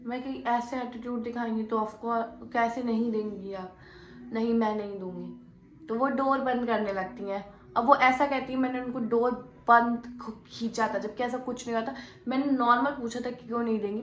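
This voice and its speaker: A woman's voice: fairly high pitch, moderate pace. Young woman telling a story, echoey room. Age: young adult. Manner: animated retelling, acts out quoted arguments. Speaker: vlogger. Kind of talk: casual storytelling vlog.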